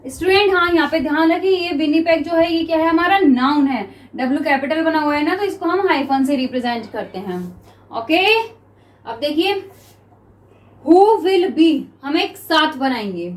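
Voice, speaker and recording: A woman's voice: high voice, normal speed. A woman with an Indian accent teaching shorthand to students, often checking if they understand and reading out sentences for dictation. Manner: coaching tone, repeats "clear?" and "students" often. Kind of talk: classroom lesson with slow dictation.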